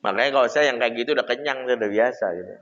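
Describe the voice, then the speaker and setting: Male Islamic preacher, conversational storytelling, mid pitch, hall reverb. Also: very fast, a bit bright. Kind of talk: casual Islamic parenting talk with storytelling. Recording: echoey hall, dull lo-fi sound.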